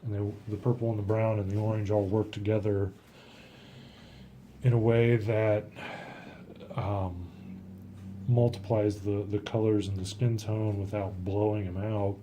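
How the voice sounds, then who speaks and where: A man's voice: on the low side, little pitch movement, measured pace, long pauses, mellow, slight background noise. A man casually talking through his watercolor technique as he paints, thinking aloud and often trailing off. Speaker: watercolor artist.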